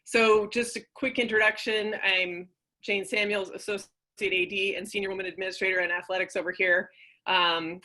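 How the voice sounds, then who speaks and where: A woman, an associate athletic director, opening a casual group video call in a relaxed, chatty way. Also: lowish voice.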